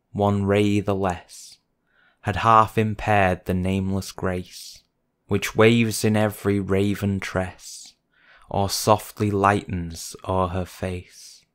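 A man with a somewhat deep voice recites romantic verse. His pace is very unhurried. He phrases deliberately, leaving space between short groups of words as a poetry reader would. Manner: measured, deliberate phrasing with pauses. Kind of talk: slow recitation of a love poem.

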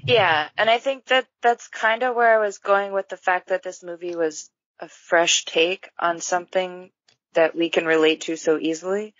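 A woman guest co-host on a podcast, speaking in casual chat at a slow, relaxed pace. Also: on the low side, no room sound. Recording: dry, dull lo-fi audio.

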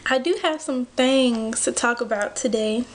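Doing her makeup at home in the bedroom, a woman in her twenties makes unhurried, casual chit-chat for her viewers, full of "like" and "you know." She's a beauty vlogger with a slightly high voice, recorded close up on a built-in camera mic that adds a little hiss or hum.

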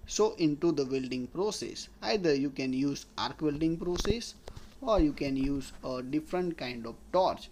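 A man's voice: a little high, animated, normal speed, a little mellow, slight background noise. A man, giving a slide lecture as an engineering tutor and explaining step by step while restating his points. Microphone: voice-over on slides.

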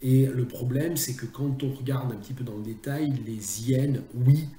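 A man's voice: medium pitch, steady tone, normal speed, mellow, roomy sound. A man teaching translation in a recorded video lecture, chatty and self-mocking, often drifting into asides.

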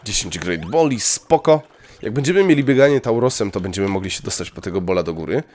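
A young man giving casual gameplay commentary, chatty and excitable, breaking into sudden high yelps when thrilled. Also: fast talker. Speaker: let's play gamer.

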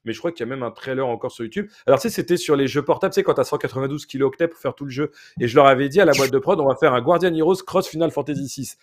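A man appearing as a guest on a livestream, talking excitedly and rambling before apologizing. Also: medium pitch, very fast, few pauses, a little hiss or hum. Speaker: comics author guest. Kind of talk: casual livestream chat.

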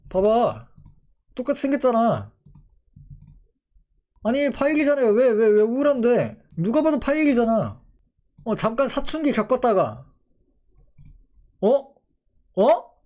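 Young male streamer, bright high voice, jumpy delivery, teasing and incredulous with chat. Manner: playful, mock-outraged, talks to chat. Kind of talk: casual commentary to viewers.

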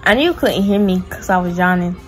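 A woman's voice: lowish voice, lively intonation, a little fast, soft background music. A young woman vlogging casually at home on her phone, chatty, laid-back and slangy. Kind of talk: casual vlog. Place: home, indoors.

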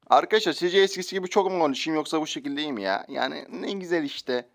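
High-voiced man taunting in game commentary. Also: fast talker, creaky. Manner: taunts enemies and chats to viewers. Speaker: gaming YouTuber. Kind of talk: live gameplay commentary.

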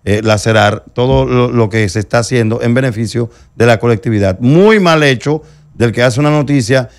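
A man's voice: mid-range voice, moderate pace. Dominican man hosting, casual news talk. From Dominican Republic. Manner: conversational, with frequent "eh" fillers. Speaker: show host. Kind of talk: talk-show news commentary.

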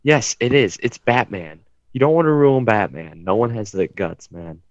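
A man's voice: on the low side, expressive, normal speed, muffled recording. A man co-hosting a casual podcast chat, jumping in with emphatic asides. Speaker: podcast co-host.

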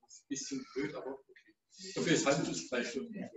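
A man's voice: mid-range voice, brisk, a little hiss or hum. A man from Nuremberg, raised in Stuttgart, a guest reader chatting casually at a book event. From Nuremberg, grew up in Stuttgart. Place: small event room, indoors. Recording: echoey room, mic far off, audience around.

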